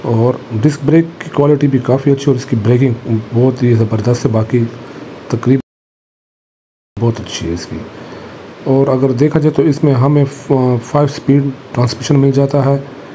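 A young man gives a casual walkaround review of a motorbike in an indoor showroom, speaking as a motorbike vlogger. His medium-pitched voice is warm and steady, though the recording is rough with a little hiss or hum. He talks plainly and matter-of-factly, pausing with fillers.

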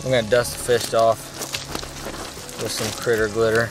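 Music runs beneath this low-quality recording of a man hosting an easygoing, folksy cooking demonstration to camera, set outdoors on a gravel riverbank. His voice is fairly low in pitch, fairly monotone, and at a normal pace.

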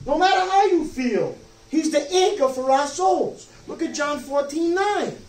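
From a church pulpit, a pastor in his sixties speaks with an extremely high, expressive voice at a measured pace. His sermon is forceful and full of rhetorical questions plus frequent "okay?" and "you see?" prompts, and the distant mic leaves it roomy with some noise behind.

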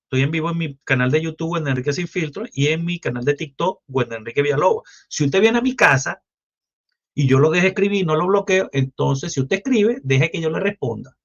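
A Venezuelan livestream host with a Venezuelan accent delivers a crude political rant, foul-mouthed and mocking, rambling loosely from one jab to the next. His voice is on the higher side for a man, expressive and a little fast, and the audio is dull and lo-fi, like a muffled stream.

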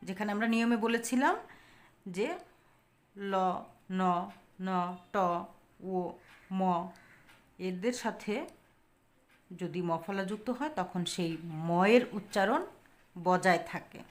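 A female teacher with a medium-pitched voice gives a grammar lesson on pronunciation. She says example words slowly, repeats them, and answers her own questions.

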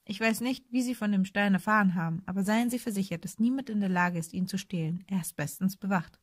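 A woman's voice: medium pitch, fast talker, no room sound, studio quality, lightly acted. A woman doing a stern, cool old professor. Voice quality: clipped, brusque.

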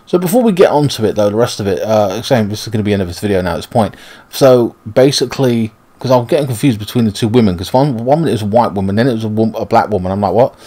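Grumbling man, slightly low voice. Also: lively intonation, very fast, dark tone. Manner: grumbling, sweary, rambling. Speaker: gaming video host. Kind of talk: casual playthrough commentary.

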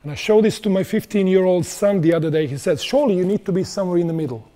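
A man's voice: high voice, very fast, mellow. A middle-aged man giving a conversational conference talk on stage in a large auditorium, putting questions to the audience. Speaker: conference speaker.

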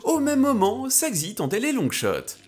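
A man doing playful, presenterly scripted narration as host of a gaming highlights show. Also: wildly swooping pitch, a little slow, soft background music.

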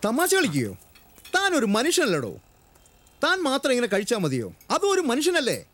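An indignant rights activist. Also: male voice, very high voice, wildly swooping pitch, fast talker, a bit bright, no room sound, full character voice. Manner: indignant, lecturing. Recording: film soundtrack with faint music.

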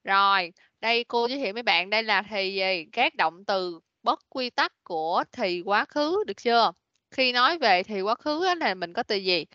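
A woman runs an online English class in a bright, clear voice, patiently prompting her pupils. The sound is dry and a little dull, like a call picked up by a computer mic. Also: medium pitch, expressive, moderate pace, dry recording. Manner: patient, prompting, mixes English words into explanations. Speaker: English teacher. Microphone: computer mic on a video call.

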